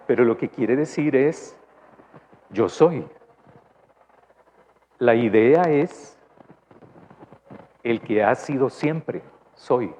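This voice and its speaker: Extremely slow with long pauses, this pastor's mid-range voice is animated yet a little mellow, carrying a Salvadoran accent. His church sermon is conversational, peppered with questions to listeners and "¿verdad?", in a dull, lo-fi recording with faint background noise.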